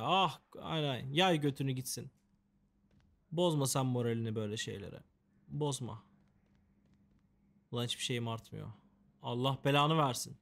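A man giving casual, joking commentary while playing a game, chatting to the characters and complaining in a mock-dramatic way. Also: medium pitch. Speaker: gameplay commentator. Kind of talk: casual let's-play commentary.

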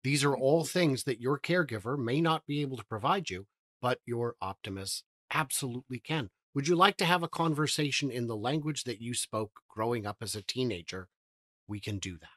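A man's voice: medium pitch, expressive, brisk, fairly bright tone, dry recording, clean studio sound. A man in his thirties, a guest on a video-call interview, speaking eagerly and upbeat into a headset. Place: indoor room.

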